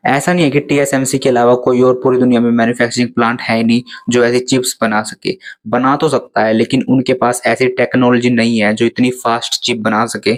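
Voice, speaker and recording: Young male explainer host, mid-pitched, steady narration that slows on technical terms.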